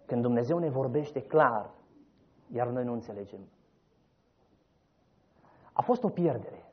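A man preaching a sermon, telling the story dramatically, rising loud and then dropping soft. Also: mid-range voice, slightly rough. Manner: dramatic storytelling, voices quoted figures, rises loud then drops soft. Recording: dull lo-fi recording.

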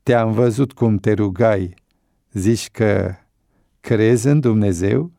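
A man's voice: on the low side, creaky, warm tone, dry recording, clean studio sound. A man doing a weary, drawling vagrant. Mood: wry. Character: weary middle-aged male vagrant, educated, fatalistic.

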